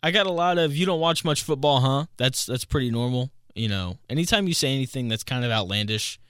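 A man in his twenties talks through a casual solo podcast, clearly amused and breaking into laughs at his own stories. His voice sits at an ordinary middle pitch. The recording is close and dry, with no room sound. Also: lively intonation, a little fast, a bit bright, dry recording. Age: 20s. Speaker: podcast host.

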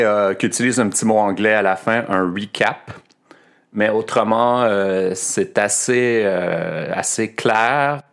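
A man's voice: lowish voice, fairly bright tone. A man hosting a French pronunciation lesson podcast, explaining patiently and repeating words to demonstrate their sounds. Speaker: French teacher and podcast host.

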